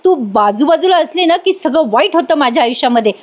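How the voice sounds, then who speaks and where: A woman's voice: high voice, lively intonation, fast talker, voice pushed up. Woman reading as an angry, harsh male professor. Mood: angry scolding. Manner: scolding, exasperated outbursts.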